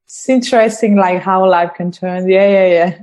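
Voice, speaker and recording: A woman's voice: mid-range voice, steady tone, normal speed, darkish tone. A woman from Spain with a Spanish accent, a guest chatting casually and laughing often. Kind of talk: casual chat.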